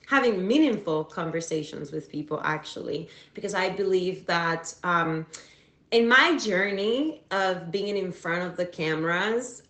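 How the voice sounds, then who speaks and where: A Cuban woman whose first language is Spanish hosts a casual livestream talk show, sounding upbeat and chatty with lots of fillers and restarts. Her voice is fairly low and fairly bright, recorded in an echoey room.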